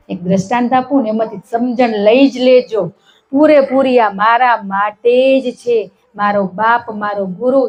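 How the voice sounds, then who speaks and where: A woman's voice: medium pitch, rough recording. A woman giving a devotional satsang talk. She tells a parable and keeps asking her listeners short questions. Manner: acts out the characters' shouted lines. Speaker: spiritual satsang speaker.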